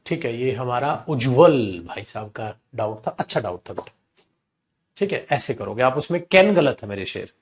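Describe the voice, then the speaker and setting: A man with an Indian accent and a mid-range voice teaches English grammar in Hindi during a live online class. His intonation is lively and his speed normal, and he's chatty and teasing, often calling the students "beta."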